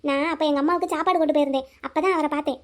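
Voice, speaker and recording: A woman's voice: high voice, fairly even intonation, very fast, close to an everyday voice. A woman voicing the heroine's nosy, teasing friend in a cartoon, firing off questions. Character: chatty teasing young village girlfriend. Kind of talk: cartoon voice acting.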